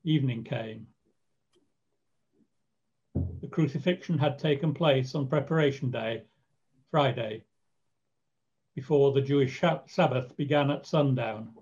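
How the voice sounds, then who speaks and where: A man reads scripture narration in a measured storytelling delivery. His voice is warm and mellow, mid-pitched. The recording is dull and lo-fi. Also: slightly rough.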